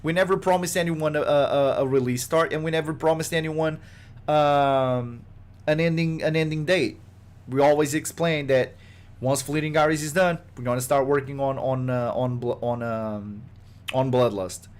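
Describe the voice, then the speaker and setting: A man's voice: a little high, steady tone, normal speed. A man who develops games, giving a casual podcast update, rambling with many fillers and restarts and sounding exasperated at rumors. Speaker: game studio developer.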